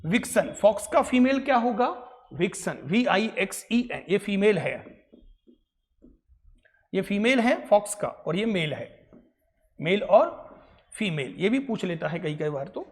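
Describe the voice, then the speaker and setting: In a large coaching classroom, a male English grammar teacher lectures in Hindi mixed with English, his high voice lively in intonation but a little slow, with long pauses. He repeats answers often and checks in with short tag questions.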